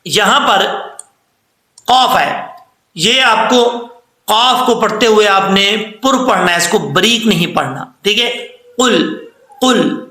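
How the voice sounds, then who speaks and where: A man teaching Quran recitation rules, patiently repeating words and drawing recited phrases out slowly. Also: high voice, animated, sharp tone, reverberant. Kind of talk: tajweed lesson with recitation.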